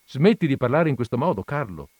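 A man's voice: medium pitch, sing-song, fairly quick, a little mellow, slightly rough, no echo, dull audio, pitched above the performer's own voice. A man reading a story aloud, voicing a stern farm mother who scolds her son and husband. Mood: scolding.

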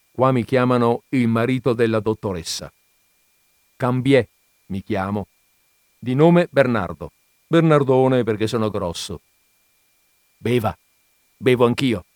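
A man's voice: medium pitch, lively intonation, unhurried, long pauses, darkish tone, no echo, studio quality, natural voice. A man reading an audiobook, voicing a fat, jovial middle-aged man who is garrulous and boastful, chatty and confiding.

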